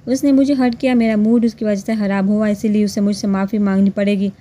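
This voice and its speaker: A woman reading as a jealous, sharp-tongued young woman. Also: medium pitch, fairly even intonation, quick pace, natural voice. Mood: angry, sulky. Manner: haughty, scolding.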